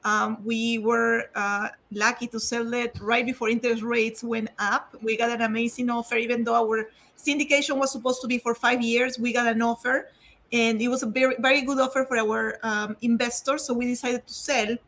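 A woman from Peru giving a quick, chatty update as a guest on a video call. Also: fairly high pitch, flat delivery, fairly bright tone. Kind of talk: casual live update.

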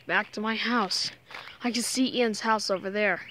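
A woman's voice: medium pitch, steady tone, slow, sharp tone, a little hiss or hum. A woman vlogging casually to her viewers, anxious and apologetic, often sighing and exclaiming. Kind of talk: casual vlog narration to viewers.

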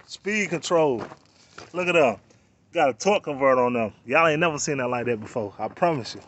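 A man's voice: mid-range voice, lively intonation, fairly quick, fairly bright tone. A man talking in a laid-back, slangy, rambling way as he vlogs outdoors on a rural property, filming with a handheld camera. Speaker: vlogger. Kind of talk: casual walk-around vlog.

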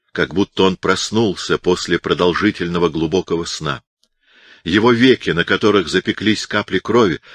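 Male audiobook narrator, very low voice, dry close sound, measured dramatic delivery. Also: fairly bright tone, no room sound. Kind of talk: scripted narration.

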